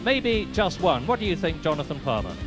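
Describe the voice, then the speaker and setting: A man calling a motor race live from the commentary box, brisk and excitable, with a fairly high voice. Music plays clearly behind the broadcast.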